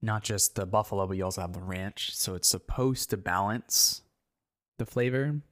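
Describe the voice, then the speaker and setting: A woman's voice: a bass voice, normal speed. A woman co-hosting a podcast in casual chat, explaining words with many fillers. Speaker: podcast co-host. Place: living in Japan.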